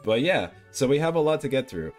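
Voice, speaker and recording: A man's voice: mid-range voice, big pitch swings, a little fast, faint music behind. A man streaming live as a VTuber, chatting casually in a playful, rambling way and swearing freely.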